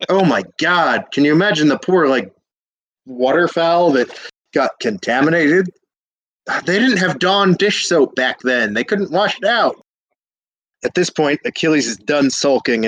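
A man's voice: medium pitch, a bit bright, no room sound, low-quality recording. A drunk young man retelling an old epic in a rambling, slangy way, with hiccups and lots of fillers. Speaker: drunk storyteller.

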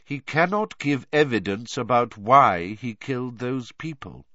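Male reader as a grave elderly wizard headmaster, calm and firm, dry lo-fi sound. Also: medium pitch, a little slow, no echo. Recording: dull lo-fi recording.

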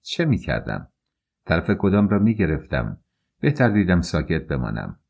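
A man narrating an audiobook in the first person, calm and measured. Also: low voice, gravelly, breathy edge, dull audio.

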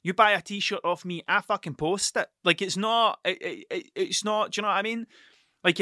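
A man's voice: high-pitched, pushed and bright, dry recording, studio quality. A tired man rambling through a solo podcast, swearing often and stuttering over his words. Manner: sweary, stuttering, restarts sentences. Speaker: podcast host and mural painter.

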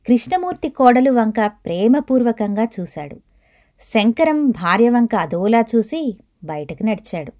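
Woman, storyteller, storybook narration, steady even reading, fairly high pitch. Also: measured pace.

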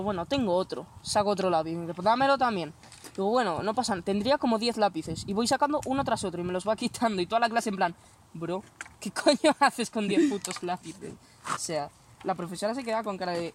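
A woman's voice: medium pitch, background noise. A young woman hosting a casual chat, telling stories animatedly and swearing freely. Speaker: host.

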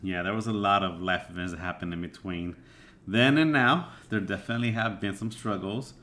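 A man's voice: deep voice, brisk, bright, forceful tone. A man hosting a casual podcast, talking in a loose, reflective way with lots of "you know" fillers. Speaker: podcast host.

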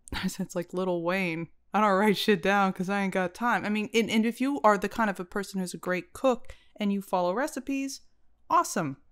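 A woman co-hosting a podcast, telling stories in a lively, casual way and cursing now and then. Her voice is smooth and resonant at a middle pitch. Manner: animated storytelling, profane. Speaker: podcast co-host. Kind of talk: casual chat.

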